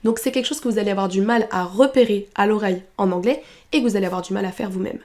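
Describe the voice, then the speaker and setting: A French-speaking woman teaching English pronunciation, explaining clearly and modeling English phrases slowly with strong stress. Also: medium pitch, darkish tone. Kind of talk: French-language pronunciation lesson.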